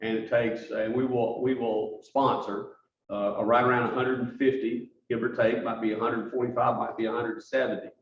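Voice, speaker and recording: A man giving a halting presentation at a club meeting, telling stories as he goes through slides. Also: medium pitch, level tone. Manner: halting, restarts often, storytelling. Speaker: guest speaker for a charity. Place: meeting room. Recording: roomy, distant, dull mic.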